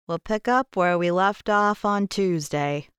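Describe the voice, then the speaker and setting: A woman voicing a relaxed male teacher calling out slowly to his class. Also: medium pitch, clean tone, no echo, clean studio sound, close to an everyday voice. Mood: friendly. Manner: calls out slowly over noise.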